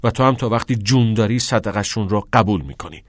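A man voicing a frustrated, angry teenage student in a novel read aloud, talking in a sharp, scornful way. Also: on the low side, no echo, clean studio sound, close to an everyday voice. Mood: bitter.

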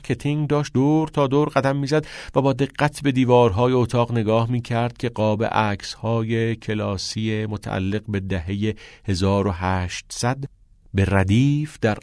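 A man reading an audiobook in a measured, calm storytelling voice that often trails into a hush. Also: medium pitch, no echo, studio quality. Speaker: audiobook narrator. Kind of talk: scripted narration.

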